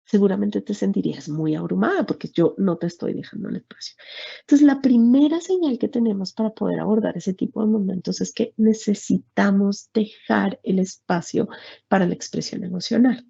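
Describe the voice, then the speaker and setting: A woman, calmly explaining emotions to parents in a workshop talk. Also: mid-range voice, normal speed, vocal fry, slightly rough. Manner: calm, explanatory, addresses the moderator by name. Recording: dull lo-fi sound.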